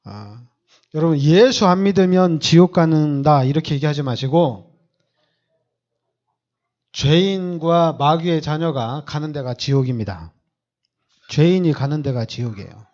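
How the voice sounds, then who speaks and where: A man's voice: a little high, animated, unhurried, long pauses, a little mellow, dull audio. A man preaching a sermon as pastor, emphatic and repetitive, with many rhetorical questions.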